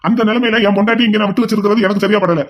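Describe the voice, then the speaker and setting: A man's voice: sits high, steady tone, racing. A man voicing an angry elder son in a cartoon, lecturing his family at length. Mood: indignant. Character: indignant elder son defending his wife. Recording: dull lo-fi audio.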